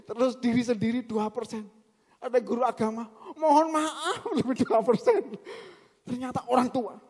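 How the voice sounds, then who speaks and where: A middle-aged man preaching a sermon in a church, animated, swinging from loud emphatic bursts to quiet recitation. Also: very high voice, moderate pace, slightly rough. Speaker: pastor. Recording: long reverb of a big hall.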